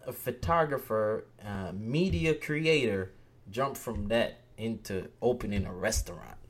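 A man's voice: on the low side, measured pace. A man hosting a podcast, asking questions and giving brief friendly affirmations. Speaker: podcast host. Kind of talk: casual interview chat.

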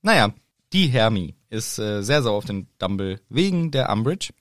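Man, casual chat, wry, relaxed, animated pitch, dry recording. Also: moderate pace, no echo. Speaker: podcast co-host. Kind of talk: casual chat retelling a book.

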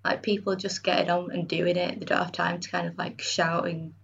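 Low-voiced woman with a Bradford accent. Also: little pitch movement, a little fast, vocal fry, a bit bright, breathy edge, dull audio. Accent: Bradford, West Yorkshire. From Bradford, northern England. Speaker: podcast guest, illustrator. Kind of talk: casual conversational interview.

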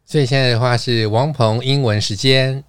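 A man's voice: medium pitch, steady tone, moderate pace, smooth, dry recording, studio quality. A man hosting a casual podcast, playful and chatty, explaining words at length with frequent laughs. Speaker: podcast host. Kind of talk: casual chat.

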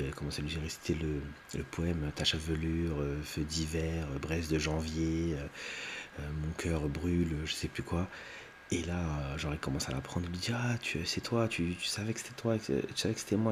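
Guy with a super low voice going over a movie plot, lots of euhs and restarts, bit of faint hiss behind him. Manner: rambling, many fillers and restarts; briefly acts out lines in raised voices. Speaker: video host recapping a TV film. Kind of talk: unedited casual retelling.

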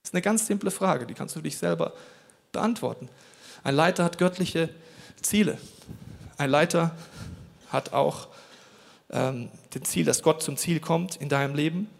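A man preaching a sermon, talking straight to the listener and swinging between quiet emphasis and loud, animated bursts. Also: fairly high pitch, normal speed, creaky, pauses often. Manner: direct, addresses listener as du, animated swings in loudness.

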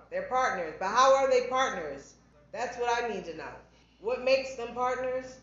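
A woman co-hosting a casual podcast, blunt and insistent, driving her points with rhetorical questions. Her voice rings in a strongly echoing room. The sound is dull and lo-fi. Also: mid-range voice. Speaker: podcast co-host. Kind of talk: casual chat. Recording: very echoey, dull podcast audio.

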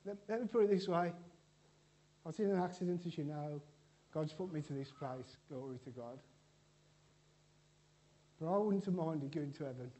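A man delivers a loose, conversational sermon, joking with the congregation and stumbling through restarts. His voice sits a little high for a man but sounds mellow and warm. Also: moderate pace, long pauses. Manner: chatty and joking, with frequent restarts. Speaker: preacher. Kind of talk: informal church sermon.

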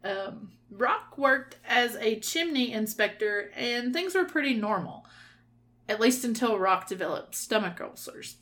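A woman's voice: a little high, animated, unhurried, a bit bright. A woman with a Southern Kentucky accent, co-hosting a casual true-crime podcast, reading her notes aloud and laughing at her own stumbles. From Kentucky, USA. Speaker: podcast co-host.

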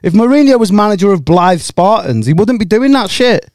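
A man's voice: sits high, very animated, fairly quick, darkish tone. A young man in his twenties, co-hosting and joking in casual banter, swearing freely. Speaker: podcast co-host.

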